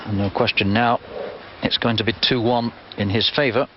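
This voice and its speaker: A man's voice: fairly low pitch, fairly even intonation, normal speed. A man giving live commentary on a snooker match from the arena. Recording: noisy, muffled TV broadcast sound.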